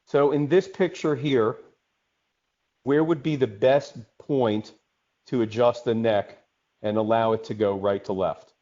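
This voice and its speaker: A man's voice: mid-range voice, unhurried, mellow. A man teaching an online webinar in a conversational way, often checking in with "okay?". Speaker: instructor. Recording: dull lo-fi webinar audio.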